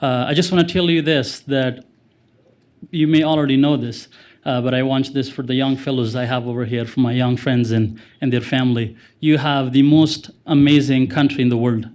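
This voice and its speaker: A man's voice: mid-range voice, fairly even intonation, moderate pace, a little mellow. A man from Afghanistan, a former interpreter giving earnest public remarks at a city council meeting. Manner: earnest, grammar slips, fervent.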